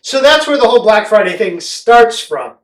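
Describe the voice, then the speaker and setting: This vlog host is a middle-aged American from Connecticut whose high, sing-song voice moves at a moderate pace. He chats to the camera in a loose, rambling way, explaining as he goes, recorded on a far-off mic in an echoey room.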